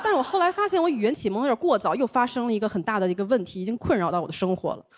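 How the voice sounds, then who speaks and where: A young woman from Taiwan who speaks with a Beijing accent, doing an animated stand-up comedy set on a stage and slipping into other people's voices. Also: a little high, rapid-fire. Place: comedy stage before a live audience.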